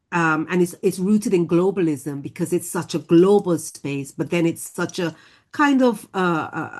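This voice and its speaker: A woman with a notably deep speaking voice talks on a literary panel. She thinks aloud, circling back and restarting her sentences as she reaches for ideas. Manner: thoughtful, halting, many restarts. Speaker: poet on a panel. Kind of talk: panel discussion.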